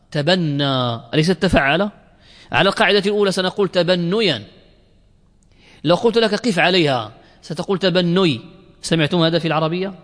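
A man's voice: high-pitched, fairly bright tone. A man teaching a class, explaining verses line by line, questioning his students and drilling examples. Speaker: teacher of Arabic morphology. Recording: long hall reverb.

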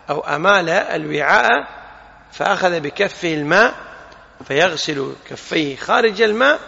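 A man giving a religious lesson, explaining a text in a measured way and slowing down to stress the forms of words. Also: on the high side, vocal fry, sharp tone, breathy edge. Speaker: religious teacher. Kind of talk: hadith lesson commentary. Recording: muffled recording with long hall reverb.

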